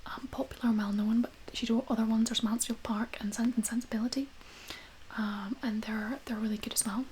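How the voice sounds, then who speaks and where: Female, whispered role-play as librarian: breathy, gentle, flat intonation, slightly high, light background hiss. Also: fairly quick. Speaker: ASMR creator playing a librarian recommending books.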